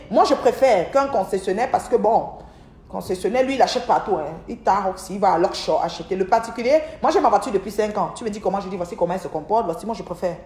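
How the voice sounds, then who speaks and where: A woman's voice: mid-range voice, darkish tone. A middle-aged woman telling a long story on a casual livestream from home, rambling and often repeating words as she speaks to her viewers. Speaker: livestream host. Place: at home, by an aquarium. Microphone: livestream device mic. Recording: echoey room.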